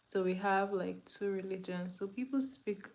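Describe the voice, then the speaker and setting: A young makeup vlogger with a Nigerian accent, whose first language is Igbo, chats casually through a tutorial at a normal pace. Her voice is mid-range, and she drops to a whisper while applying products.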